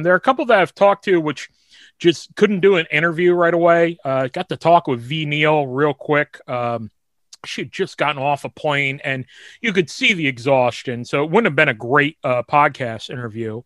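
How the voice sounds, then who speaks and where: Here a podcast co-host with a slightly high, fairly bright voice meanders through casual conversation, restarting sentences and using lots of fillers. The studio audio is clean, with no echo.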